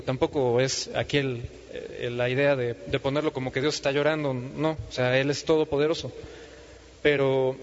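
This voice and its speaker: A man gives an informal sermon, his slightly high voice carrying a long reverb through a hall. The sound is muffled and dull. He speaks conversationally, with frequent fillers and restarts. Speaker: preacher.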